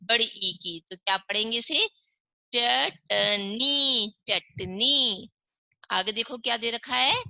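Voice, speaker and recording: A woman's voice: fairly high pitch, lively intonation, moderate pace, pushed and bright, no room sound, rough recording. A woman teaching young children in an online class, reading words syllable by syllable and asking and answering her own questions. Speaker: primary school Hindi teacher.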